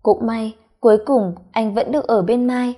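A woman's voice: a little high, fairly even intonation, moderate pace, dark tone, lightly acted. A woman voicing a tipsy, affectionate young husband who talks in a slurred, whiny, sugary way. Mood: tipsy teasing.

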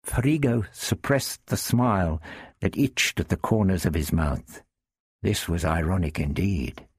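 Male narrator, storybook reading, husky, slow, dry. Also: low-pitched, no room sound. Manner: measured, expressive reading.

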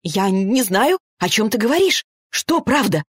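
A woman's voice: mid-range voice, big pitch swings, a little slow, slightly rough, dry recording, studio quality, voice pushed up. A woman reading an indignant young heroine. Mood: pleading.

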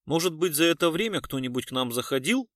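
A man's voice: a little high, lively intonation, quick pace, no echo, clean studio sound, lightly acted. A man voicing a formal male army engineer major who answers in clipped military phrases.

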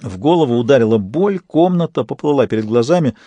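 Mellow male audiobook narrator. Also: mid-range voice, expressive, fast talker, no room sound. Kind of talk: scripted narration.

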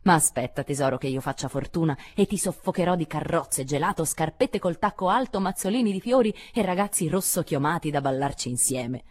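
A woman's voice: sits low, animated, a little fast, hardly any pauses. A woman voicing Jo, a brash tomboyish girl. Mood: teasing. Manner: brash, spirited, teasing. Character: blunt tomboyish teenage girl, Jo, boisterous.

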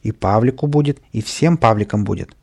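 An irritated storybook house painter, threatening a culprit in a plain, grumbling voice, as a man reads him. Low and gravelly, with a dark tone. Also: a little fast. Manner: threatening, scolding.

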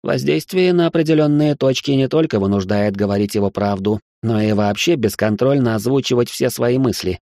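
Man voicing an unflappable butler, calm, composed, even delivery, dry close sound. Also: mid-range voice, brisk, few pauses, dry recording, natural voice. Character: unflappable middle-aged male butler.

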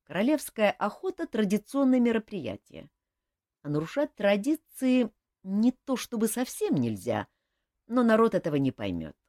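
A woman reading an audiobook, voicing a calm young king who teases with dry humor. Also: medium pitch, normal speed, no echo, pitched above the performer's own voice. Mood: teasing. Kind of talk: audiobook character voice.

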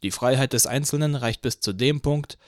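A man's voice: mid-range voice, normal speed, no echo, clean studio sound, voice pushed up, lightly acted. A man reading an audiobook voices a defiant young activist who answers in a firm, lightly mocking tone. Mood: reasoning.

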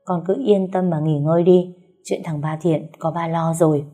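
A calm father-in-law who heads the household in an audiobook, reassuring and measured, as a woman narrator puts him on. The voice is low and husky, with a mellow tone. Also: faint music behind.

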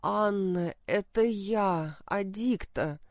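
A woman voicing a hoarse dying beggar girl. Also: mid-range voice, drawn-out words, no echo, studio quality. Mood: weak, hoarse. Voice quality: hoarse, croaking. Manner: weak and quiet, pleading. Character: tortured dying young woman beggar, former lady-in-waiting.

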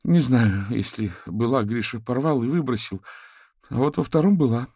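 A man's voice: medium pitch, moderate pace, darkish tone, husky, no echo, clean studio sound, pitched above the performer's own voice. A man voicing a tired young mother who speaks tearfully and pleadingly in an audiobook.

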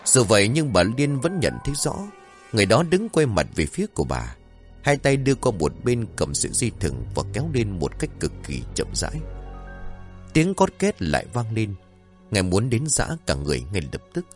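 A man's voice: on the low side, very animated, normal speed, faint music behind. A man narrating a scripted horror story in a dramatic, suspenseful way.

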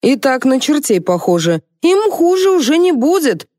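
A blunt, bossy housekeeper who shrugs off every objection, her voice leaping shrill and high, as a woman reading aloud puts her on. The sound is close and dry, with no room around it. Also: very animated, normal speed, a little mellow, no room sound. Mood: brash. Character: bossy outspoken female housekeeper.

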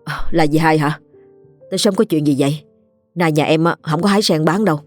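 A woman's voice: deep voice, a little fast, soft background music, close to an everyday voice. A woman voicing a tearful, grieving rural mother. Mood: pleading. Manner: tearful, pleading.

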